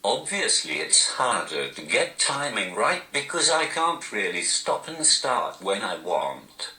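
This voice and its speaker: A man speaks through a posh-sounding, robotic text-to-speech voice, set very low but swinging widely in pitch. The delivery is slow and deadpan, with dry self-mockery. The sound is bright and hard, heard in a roomy, echoing space. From Newcastle, England. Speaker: stand-up comedian. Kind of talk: interview answers typed into a speech device.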